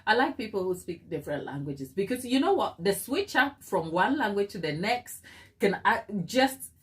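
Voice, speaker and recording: A woman with a Ghanaian accent hosts a cake decorating livestream, chatting casually, calling her viewers "my people" and mixing in Twi. Her mid-range voice swings widely in pitch at a normal speed.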